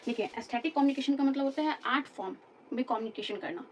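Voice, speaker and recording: A woman's voice: high-pitched, quick pace, recorded from a distance, a little hiss or hum. A woman teaching a lecture class, explaining patiently, repeating terms and checking in with her students.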